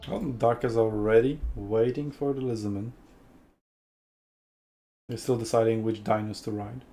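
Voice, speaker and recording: A man's voice: fairly low pitch, fairly even intonation, normal speed, mellow, faint music behind. A man casting a strategy game tournament in a chatty, joking way, rambling with fillers. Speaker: tournament caster. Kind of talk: casual esports commentary.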